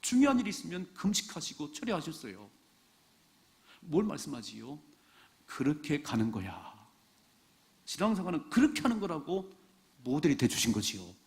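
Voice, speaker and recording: A man's voice: a little high, very animated, normal speed, gravelly, long pauses. A man preaching a sermon as pastor, speaking straight to the congregation with frequent rhetorical questions.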